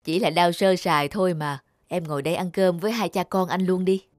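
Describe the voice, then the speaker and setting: Gentle, patient cartoon dad, soft and reassuring, voiced by a woman, music under. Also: on the low side, steady tone, brisk, natural voice. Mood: kind. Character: gentle widowed father, patient and loving. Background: background music.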